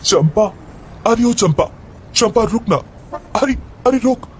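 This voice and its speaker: An anxious, grieving mother, acted by a man, calling out in a high, strained voice. She is heartbroken over her daughter, a figure in a storybook tale. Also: expressive, slow, a little hiss or hum. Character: grieving mother of a troubled girl.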